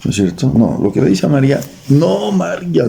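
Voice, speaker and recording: A Bolivian preacher races through his church sermon in a creaky, dark, mid-range voice with big swings in pitch. He reads verses aloud, jokes with the congregation and quizzes them, speaking with a Bolivian Spanish accent.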